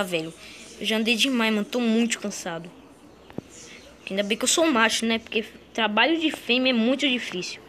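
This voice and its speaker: A woman's voice: on the high side, fairly bright tone, a little hiss or hum. Woman playing a chatty young green dinosaur. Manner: chatty, slangy, talks to itself. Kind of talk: in-character game role-play.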